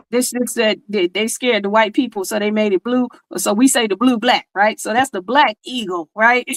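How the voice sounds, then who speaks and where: A woman's voice: fairly high pitch, a bit bright, no room sound, poor audio. A woman hosting a casual livestream over a video call, talking with many fillers and frequent laughs. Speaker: host reading spiritual charts.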